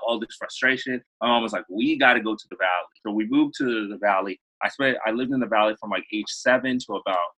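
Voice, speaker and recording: A man in his thirties from Los Angeles, talking as an interview guest in a loose, rambling way full of fillers and restarts. His voice is husky and breathy, yet he pushes it forward with a bright, forceful edge. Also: lowish voice, low-quality recording. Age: 30s. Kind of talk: casual interview storytelling.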